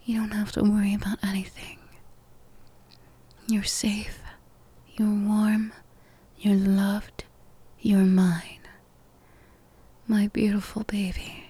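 A woman whispers close to the mic in a slow, soothing comfort roleplay. Her voice is mellow and breathy, staying flat and even. The sound is dry with no room around it. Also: medium pitch, no room sound. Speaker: ASMR roleplay performer.

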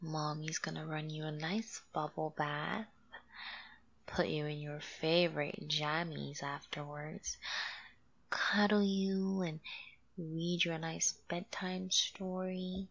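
A woman voicing a doting, coaxing mother figure in an audio roleplay. She speaks softly and drifts into whispers. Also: low-pitched, fairly even intonation, vocal fry, full character voice. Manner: slow, soothing, coaxing with soft laughs. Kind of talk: soft-spoken audio roleplay, half whispered. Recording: dull lo-fi recording.

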